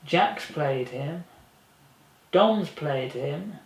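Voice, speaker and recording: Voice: medium pitch, lively intonation, drawn-out words. Chatty fan film actor in an echoey room. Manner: chatty, rambling, laughs often. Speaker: fan film cast member. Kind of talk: casual behind-the-scenes chat. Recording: echoey room with faint noise.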